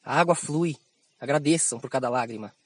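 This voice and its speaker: A man with a Brazilian Portuguese accent giving an esoteric spiritual monologue as a teacher, animated and slangy, acting out other people's words in raised voices. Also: medium pitch, fairly quick, no room sound.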